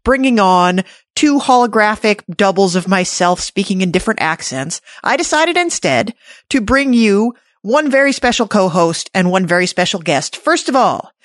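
A woman's voice: a little high, no room sound, clean studio sound. A woman hosting a casual recap podcast, chatty and playful, often restarting her sentences. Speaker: podcast host.

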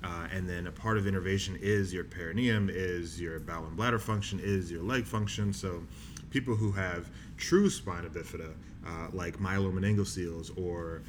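A young man from New Jersey with Bahamian family, a doctor in training, gives casual interview answers as a guest. His very low voice is calm, measured, and explanatory, with filler words, and the recording is noisy.

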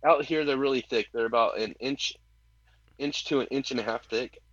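A man's voice: mid-range voice, moderate pace, fairly bright tone. Matter-of-fact man on a dull line. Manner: explains things matter-of-factly. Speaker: podcast guest. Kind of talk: casual chat.

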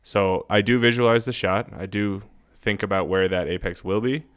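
On a casual podcast, a male co-host with a very low, clean, resonant voice explains things informally, working through his thoughts as he speaks. His delivery is smooth, with a steady tone and moderate pace.

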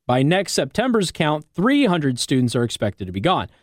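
This American radio talk show host has a fairly high voice with huge pitch swings and speaks at a normal speed. He explains things conversationally, often asking "okay?" and "all right?" to see that listeners follow, recorded on a close studio mic with no echo.

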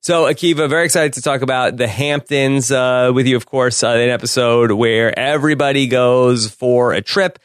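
Male podcast co-host, mid pitch, dry jokey banter, close dry sound. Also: fairly even intonation, normal speed, hardly any pauses, clear, resonant tone, no room sound. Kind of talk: casual podcast chat. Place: home room.

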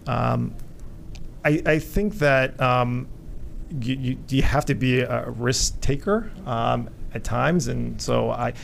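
A man from Vietnam, a company co-founder, answering radio interview questions haltingly with many fillers. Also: medium pitch, gravelly, slight background noise. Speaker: guest, hotel company co-founder.

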